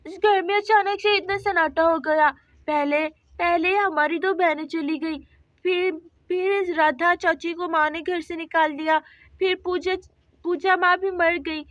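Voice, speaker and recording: A woman's voice: extremely high pitch, steady tone, measured pace, fairly bright tone, dry recording, highs cut off. A woman voicing two young daughters who whine and plead in a doll story. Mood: whiny. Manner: whiny, pleading, tearful.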